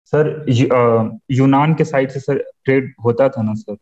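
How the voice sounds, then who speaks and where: A man's voice: medium pitch, measured pace, a little mellow. A young man, a student in class, asking a question politely and hesitantly. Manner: polite, hesitant, says "sir" often. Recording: dull lo-fi classroom recording.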